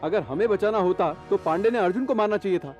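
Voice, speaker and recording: A man's voice: high-pitched, lively intonation, quick pace, a little mellow, muffled recording, soft background music. A man dubbing a cocky young hero who talks coolly and offhandedly about revenge. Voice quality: cool, offhand. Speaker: film hero. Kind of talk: Hindi film dubbing.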